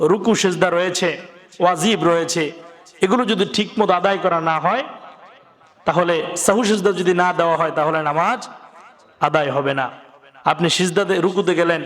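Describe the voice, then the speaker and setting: A man preaching a sermon to a gathering, asking the crowd questions and dropping his voice low on each warning. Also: a bit bright. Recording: echoey hall.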